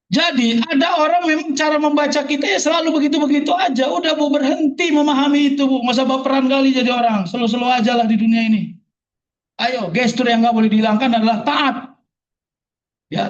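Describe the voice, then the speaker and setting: High-voiced joking preacher. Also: male voice. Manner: jokey, asks the audience rhetorical questions. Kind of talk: sermon at a religious gathering. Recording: distant, dull hall recording.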